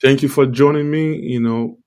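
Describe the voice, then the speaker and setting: A man giving an informal, halting devotional talk with a toothache, repeating phrases, his speech slightly altered by a sore mouth. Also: medium pitch, steady tone, darkish tone. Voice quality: speech slightly altered by tongue-led articulation. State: toothache, talking around a sore tooth and gum. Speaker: live-stream preacher.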